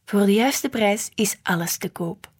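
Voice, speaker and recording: A woman voicing an impatient, demanding woman customer who insists loudly. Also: medium pitch, unhurried, slightly rough. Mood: pushy. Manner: insistent, excitable.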